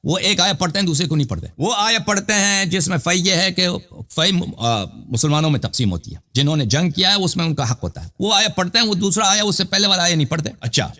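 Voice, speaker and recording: A man's voice: sits high, expressive, hardly any pauses, bright, forceful tone. A man debating as a cleric, insistently challenging his opponent and then explaining verses and their grammar in a lecturing manner. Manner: insistent, repeatedly challenging the other to recite the verse. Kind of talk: debate and Quran exposition.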